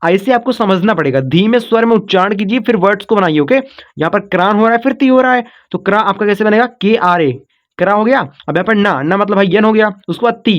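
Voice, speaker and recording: This online spelling teacher has a high, expressive voice and talks a little fast. He patiently divides words into syllables, repeats often, calls his students "kids" and "brother," and checks in with "okay." The highs in the recording are cut off.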